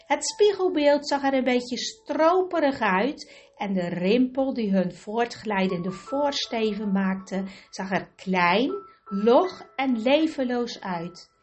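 A woman reading a children's story aloud in a measured, expressive way. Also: fairly high pitch, faint music behind. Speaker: narrator. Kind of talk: audiobook reading.

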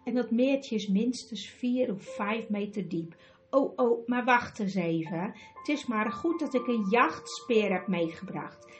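A woman voicing a bold, quick-witted young boy in a storybook reading, urgent and commanding. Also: on the high side, lively intonation, soft background music. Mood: thoughtful.

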